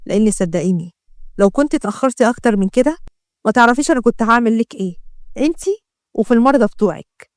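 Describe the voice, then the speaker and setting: A woman voicing a cold, threatening male mafia boss with an Egyptian accent, speaking in low, slow, taunting threats. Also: dry recording, clean studio sound, lightly acted. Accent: Egyptian Arabic.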